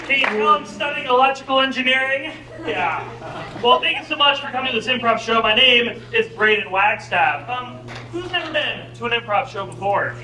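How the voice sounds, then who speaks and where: A man's voice: extremely high pitch, animated, normal speed. A young man hosting an improv comedy show, energetically joking with and hyping the live audience. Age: young adult. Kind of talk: live stage emcee warm-up. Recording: echoey room, far mic, loud crowd noise.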